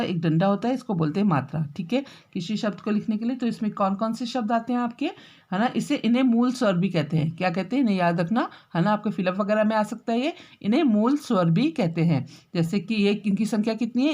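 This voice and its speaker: A woman teacher giving a grammar lesson, dictating notes slowly and repeating words as she writes, with frequent checking tags to her pupils. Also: medium pitch, a little mellow. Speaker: school teacher. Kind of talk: classroom grammar lesson while writing.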